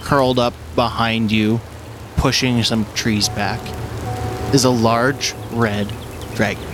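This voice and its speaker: Male game master, unhurried tabletop narration over clearly audible rain. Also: medium pitch, level tone. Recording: clear rain noise behind.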